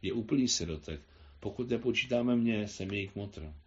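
A man's voice: lowish voice, a little mellow, close to an everyday voice. A man voicing a courteous older Russian admiral who answers politely and with reserve, on a slightly dull recording.

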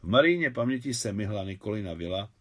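A man narrating a literary audiobook in a measured, even storytelling manner. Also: lowish voice.

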